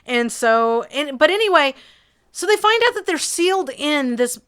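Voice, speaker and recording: A woman's voice: high-pitched, lively intonation, normal speed, fairly bright tone. A woman co-hosting a podcast, recapping a film plot in a chatty, wry way. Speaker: podcast co-host. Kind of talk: casual movie recap chat.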